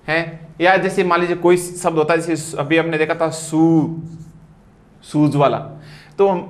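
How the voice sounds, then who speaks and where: A man's voice: on the high side, a bit bright. A man gives an emphatic lecture on English sounds. He keeps repeating cues to look and stretches out each sound for his students. He talks as he writes on a board. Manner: repetitive, emphatic, drawn-out sounds. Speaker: English teacher. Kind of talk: classroom lecture on phonetics.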